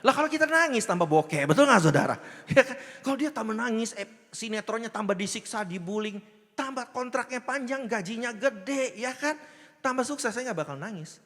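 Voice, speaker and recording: A man preaching a lively sermon as pastor, joking and acting out little voices while often checking in with the congregation. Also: extremely high pitch, moderate pace. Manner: animated, jokes and acts out voices, asks the congregation often. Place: church hall. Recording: long hall reverb.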